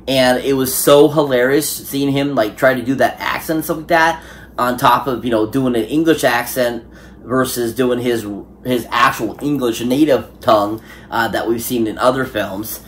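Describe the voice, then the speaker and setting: Male reviewer, mid-pitched voice, gushing and rambling, casual. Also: moderate pace, a little hiss or hum. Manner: enthusiastic, rambling with many fillers. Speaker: movie reviewer. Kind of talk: casual spoken film review.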